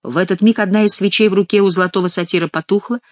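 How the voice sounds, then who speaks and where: A woman narrating an audiobook in calm storytelling. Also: mid-range voice, rapid-fire, no echo. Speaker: audiobook reader. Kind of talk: scripted narration.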